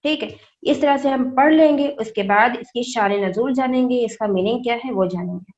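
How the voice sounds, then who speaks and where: A woman's voice: fairly high pitch, darkish tone. A woman teaching an online class on reading the Quran, spelling out the words letter by letter and answering her own questions. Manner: asks questions and answers them herself. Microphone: online call microphone. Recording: dull lo-fi video call audio.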